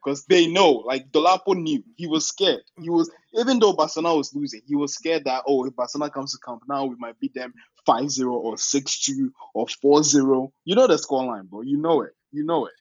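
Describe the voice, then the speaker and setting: A man with a husky voice in casual sports banter as a podcast panelist, insistent and repeating himself to make his point. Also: on the high side, fairly quick, hardly any pauses, dry recording, muffled recording.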